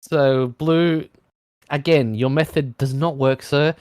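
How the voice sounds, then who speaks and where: A man debating informally in a halting, lecturing way, with rather formal wording. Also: on the high side, fairly even intonation, a little mellow, clean tone, no echo, clean studio sound.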